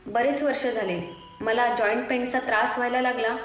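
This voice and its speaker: A woman's voice: fairly high pitch, fairly even intonation, moderate pace, recorded from a distance, natural voice. Woman voicing a nervous middle-aged aunt, hesitant, stammering, echoey room. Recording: echoey room, faint noise.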